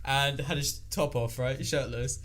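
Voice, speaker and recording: A young man trips through his story with plenty of ums and restarts. His voice sits at an ordinary middle pitch, and there is a faint hiss behind him. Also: fairly even intonation, fairly bright tone. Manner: loose, halting storytelling with many fillers. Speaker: podcast co-host. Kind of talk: casual chat.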